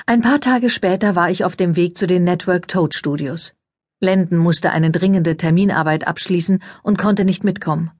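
A woman reading an audiobook in calm, measured first-person narration. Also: fairly low pitch, no echo, clean studio sound.

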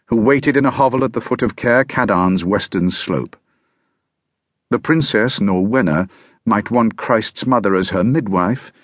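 A man narrating a historical novel audiobook in a measured, grave first-person storytelling manner. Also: lowish voice, dry recording, clean studio sound.

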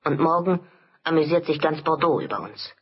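A woman reading an audiobook, voicing an earnest young male lieutenant who talks brisk and reassuring in a lowered voice. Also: expressive, breathy edge, dull audio.

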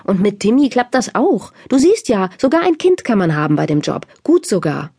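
A woman's voice: medium pitch, very animated, normal speed, mellow, husky, no echo, clean studio sound. A woman voicing an eager young woman friend who keeps trying to persuade her.

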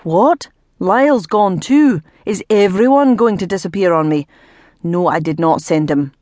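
A woman reading an audiobook voices an irritable, gruff nobleman who barks his words impatiently. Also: sits low, normal speed, darkish tone, dry recording, studio quality, close to an everyday voice. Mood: irritated. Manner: barking, impatient.

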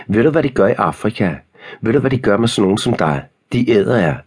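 A man's voice: deep voice, a little mellow, slightly rough. A man voicing a cruel, cocky teenage boy bully who mocks and spits insults in an audiobook. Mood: mocking.

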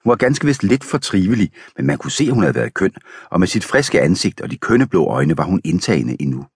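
A man narrating an audiobook with expressive storytelling on a close studio mic. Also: low voice, breathy edge, dry recording. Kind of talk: scripted narration.

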